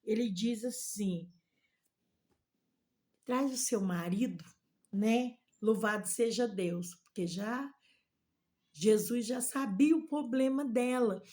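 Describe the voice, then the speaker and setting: Slow, fervent woman preaching. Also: fairly high pitch, warm tone. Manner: retells scripture dialogue in plain speech, often adding "né?" and "louvado seja Deus"; fervent, openly amazed. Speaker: missionary preacher. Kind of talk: sermon retelling a Bible story.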